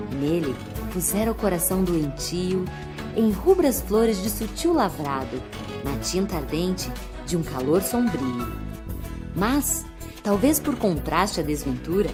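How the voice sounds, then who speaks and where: A woman slowly reciting poems with expressive delivery. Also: lowish voice. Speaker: poetry reader. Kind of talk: recited poetry over music. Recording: music bed behind voice.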